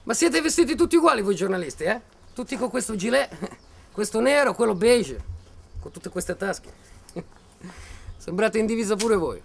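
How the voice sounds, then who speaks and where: An actor playing a volatile, menacing militiaman who taunts and mocks, then bursts into shouting. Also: sits high, big pitch swings, moderate pace, creaky, pauses often, a little hiss or hum, exaggerated voice. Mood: mocking. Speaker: soldier threatening a journalist. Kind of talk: film acting.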